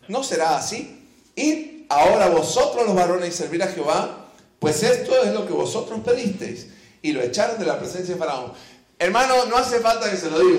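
A man preaches a sermon. He reads scripture and slips into the voices of its figures. The sound rings through a roomy church hall. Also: high voice. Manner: reads scripture then acts out the quoted figures.

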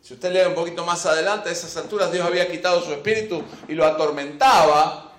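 Man, preacher, sermon, repeats key phrases emphatically, high voice, echoing room. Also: fast, a bit bright. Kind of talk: sermon with scripture reading. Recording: echoey room.

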